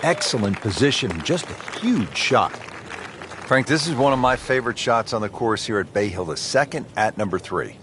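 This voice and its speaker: A man's voice: mid-range voice, animated, moderate pace. A man giving live golf commentary as lead announcer, in short, punchy phrases addressed to a co-commentator. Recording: loud outdoor crowd and ambient noise.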